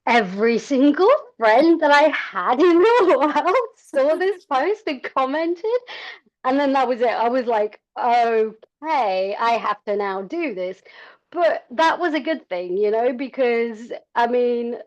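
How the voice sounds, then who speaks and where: Speaking slowly in a slightly high, expressive voice, this middle-aged endurance cyclist from South Africa shares her own story as a podcast guest. She is candid, chatty and pokes fun at herself, in a recording that sounds dull and lo-fi.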